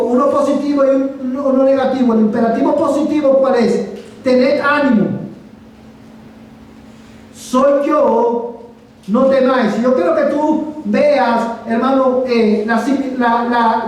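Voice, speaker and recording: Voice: high-pitched, darkish tone. Emphatic preacher in an echoey church. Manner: emphatic, asks the congregation rhetorical questions; addresses listeners as brother. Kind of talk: sermon. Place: church sanctuary. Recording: echoey sanctuary, mic from far off.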